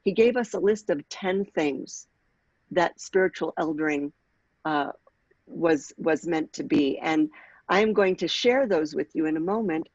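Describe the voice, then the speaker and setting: A woman in her sixties leading a workshop on aging, speaking in a measured way and clearing her throat now and then. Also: low-pitched, a little mellow, dry recording, muffled recording. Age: 60s. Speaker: workshop leader and author. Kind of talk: workshop talk with read-aloud passage.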